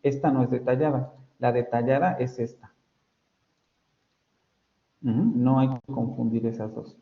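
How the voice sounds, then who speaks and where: A man with a Mexican Spanish accent, a university professor, gives an online phonetics lecture in a mid-range, fairly even voice at a measured pace. He explains patiently, corrects himself often, and uses frequent fillers. The audio is roomy and dull, with a lo-fi quality.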